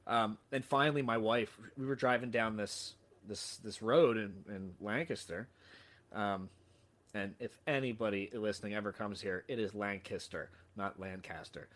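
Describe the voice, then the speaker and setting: A man's voice: on the low side, moderate pace, a bit bright. A man telling a story as a podcast guest, with lots of restarts, casual swearing and self-deprecating humor. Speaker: podcast guest, sales trainer.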